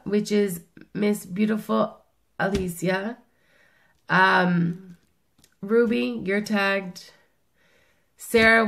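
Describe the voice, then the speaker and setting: Sick and sounding rough, this middle-aged Italian-speaking vlogger has a gravelly, medium-pitched voice. Filmed by webcam in a small room, she works through a tag video in a chatty, rambling way, often self-correcting.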